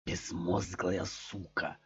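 A man voicing a tense, frightened man who hides and mutters to himself in a hushed voice, in a dull lo-fi recording. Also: sits low, slow pace, breathy edge, heavily acted. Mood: seething.

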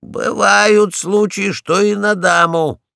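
A man's voice: high voice, fairly even intonation, slow, gravelly, pushed and bright, no room sound, clean studio sound, voice pushed up, full character voice. A man voicing a proud, indignant male dog in a storybook, stern and put out.

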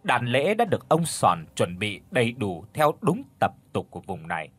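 A man narrating an audiobook story in a steady storytelling manner. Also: medium pitch, normal speed, breathy edge, no room sound.

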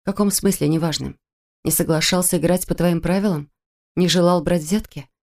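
A reader voicing a quiet, frightened woman. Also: medium pitch, steady tone, brisk, close to an everyday voice. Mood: anxious.

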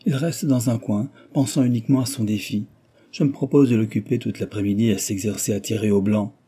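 A man reading an audiobook voices a giddy, mocking young noblewoman who gossips in a lively, teasing way. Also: lowish voice, brisk, husky. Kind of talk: audiobook reading of a classic novel.

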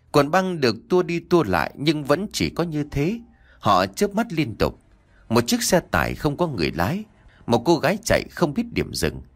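A man narrating a ghost story in a dramatic storytelling style. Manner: dramatic, sweeping pitch.

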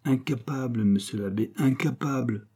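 A man's voice: mid-range voice, normal speed, dark tone, slightly rough, pitched above the performer's own voice. A man voicing a naive, sly young village man who pleads in a mock-polite, wheedling way. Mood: pleading.

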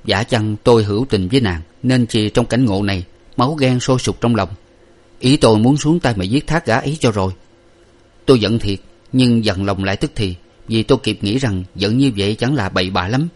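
Man as a commanding young gentleman. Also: fairly low pitch, brisk, lightly acted. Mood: recounting. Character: young gentleman master, dazed but commanding.

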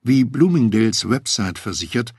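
Guy reading a memoir audiobook, low husky voice, dry close mic. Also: lively intonation, moderate pace, a little mellow, no room sound. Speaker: audiobook narrator.

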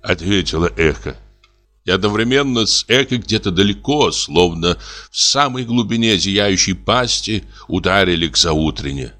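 A man narrating a classic short story in a measured, even storytelling manner. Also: sits low. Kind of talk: audiobook reading of a classic story.

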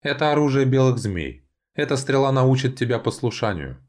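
A man's voice: mid-range voice, very animated, normal speed, darkish tone, voice pushed up, lightly acted. A man doing a haughty spiteful elf envoy. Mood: commanding.

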